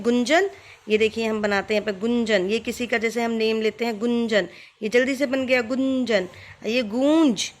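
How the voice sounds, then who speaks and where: Patient teacher woman, slightly high voice. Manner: patient and drawn out, stretching example words slowly; speaks straight to the viewer with teacher prompts. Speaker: Hindi teacher. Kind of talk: explaining a Hindi writing lesson.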